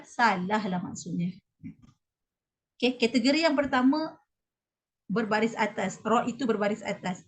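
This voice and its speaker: Malaysian woman teaching recitation rules. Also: on the high side. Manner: explanatory, repeats key points, checks with "okey?". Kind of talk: mosque class on tajwid pronunciation. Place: mosque.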